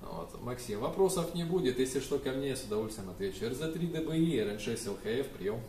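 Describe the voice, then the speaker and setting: With lively intonation and a fairly quick pace, a young man in a mid-range voice spells out call signs and logs contacts as an amateur radio operator. He works from a small room holding a radio desk and computers, captured on a distant mic with echo and faint noise.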